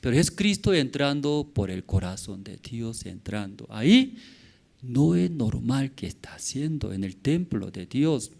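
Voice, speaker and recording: Slow, lively male pastor preaching. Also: mid-range voice, gravelly. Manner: asks the congregation frequent rhetorical questions; halting, broken phrasing. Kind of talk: sermon.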